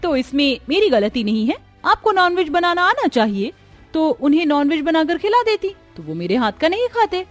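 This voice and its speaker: A woman voicing a pert, sharp-tongued young daughter-in-law in a cartoon story. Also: high-pitched, big pitch swings, normal speed, faint music behind, pitched above the performer's own voice. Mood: defiant.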